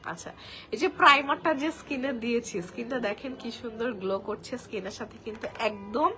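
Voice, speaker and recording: A woman's voice: on the high side, fairly quick, faint music behind. Sick Bangladeshi woman demoing makeup. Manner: talks softly while applying makeup, chatty. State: sick with a cold and sore throat. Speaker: makeup brand presenter. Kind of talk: live product demo chat.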